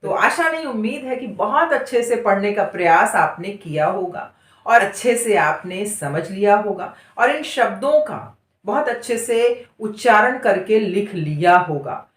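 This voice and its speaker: A woman's voice: medium pitch, expressive, measured pace. Patient woman teacher sounding out syllables. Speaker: Hindi teacher. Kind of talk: slow syllable-by-syllable reading lesson. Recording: echoey room.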